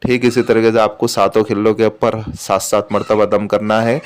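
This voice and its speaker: A man with a low, smooth voice explains a religious remedy one step at a time. He speaks in an even, flat tone and repeats each instruction patiently. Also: normal speed. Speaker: spiritual remedy teacher.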